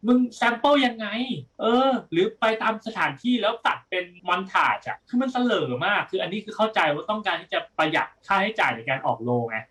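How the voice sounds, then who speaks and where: Man co-host, fired-up blunt reviewer, higher pitch, mic set back a little. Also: very animated, fairly quick, hardly any pauses, bright, forceful tone, recorded from a distance. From Thailand. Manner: blunt, heated ranting with profanity. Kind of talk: casual podcast chat.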